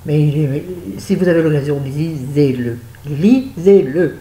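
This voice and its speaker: A woman's voice: low voice, steady tone, fast talker, mellow, echoey room, slight background noise, low-quality recording. A woman giving a chatty, digressive spoken book review, talking straight to her viewers.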